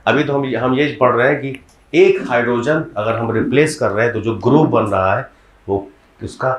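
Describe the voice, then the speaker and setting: A male chemistry teacher giving a classroom lecture, explaining step by step and often putting quick questions to his students. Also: medium pitch, roomy sound.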